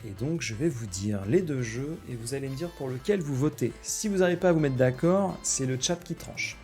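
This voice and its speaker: A man hosting a relaxed video-call chat, joking and guiding his guests through a game. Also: mid-range voice, a little fast, soft background music. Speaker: host.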